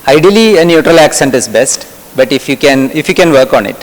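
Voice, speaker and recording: A man's voice: on the high side, expressive, brisk. Malayali man lecturing in an echoing hall. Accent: Malayali English. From Kerala, India. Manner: conversational, asks the audience questions, chuckles. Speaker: medical lecturer. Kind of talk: workshop lecture.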